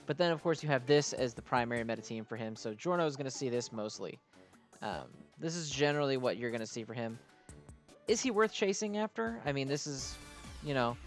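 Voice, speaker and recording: With a mid-range voice, a man plays and reviews a video game in casual, unscripted commentary. He rambles and gushes like a fan, dropping in self-deprecating asides.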